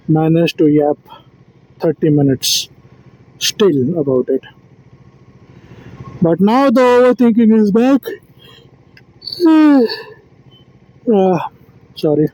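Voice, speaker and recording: A man's voice: sits high, mellow, poor audio. A man rambling through a solo vlog, tired and yawning, who keeps stumbling, restarting and correcting himself with self-deprecating asides. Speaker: vlogger.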